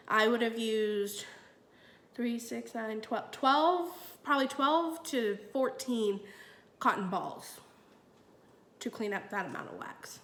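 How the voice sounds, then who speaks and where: A woman's voice: fairly high pitch, a bit bright, echoey room. A woman with a stuffy, nasal voice chatting casually as she demonstrates products in a vlog, with frequent fillers. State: stuffy nose. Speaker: product review vlogger.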